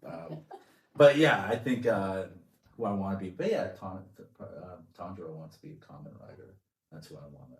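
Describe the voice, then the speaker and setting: A man's voice: sits low, sing-song, normal speed. A man, a comedian guest, chatting casually and rambling with crude jokey asides. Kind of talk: casual interview chat. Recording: roomy echo, distant mic.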